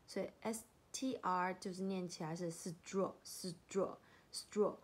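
A woman teaching English from a picture book, reading lines slowly and repeating each word several times as she sounds it out, with quick explanations in between. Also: lowish voice, steady tone. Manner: slow, drawn-out English words, quick asides in Chinese. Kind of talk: bilingual phonics lesson, reading aloud.

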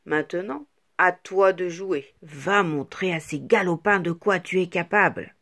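A woman voicing a gentle, loving father ink blot who speaks slowly and reassuringly. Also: on the low side, pitched below the performer's own voice. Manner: slow, warm, reassuring.

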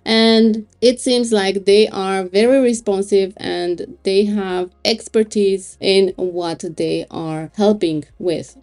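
A woman reviewing web hosting plans over a screen recording, thinking aloud in an unhurried way with small laughs. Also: mid-range voice, creaky, darkish tone. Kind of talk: screen-recorded product walkthrough.

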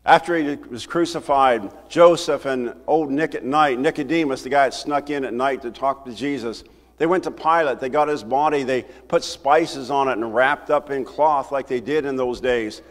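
An older man preaching a sermon from a church pulpit, talking to the congregation in a conversational, animated way. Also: medium pitch, normal speed. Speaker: pastor. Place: church sanctuary, at a wooden pulpit. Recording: roomy hall reverb from the sanctuary.

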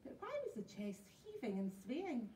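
A woman teacher reading a picture book aloud in an expressive, animated way. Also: on the high side, moderate pace, a little hiss or hum. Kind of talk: storybook read-aloud. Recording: roomy echo, mic at a distance.

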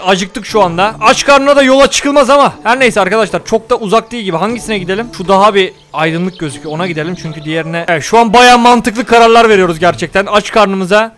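A young man playing a survival game, joking and telling his viewers what he does. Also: high-pitched. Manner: joking, exclaims and scolds the game loudly. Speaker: gaming YouTuber. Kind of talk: comedic let's-play commentary.

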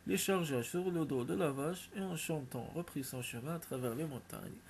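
A man narrating a folk tale with a steady, expressive reading. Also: a little high, moderate pace, vocal fry, a little hiss or hum. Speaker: storyteller.

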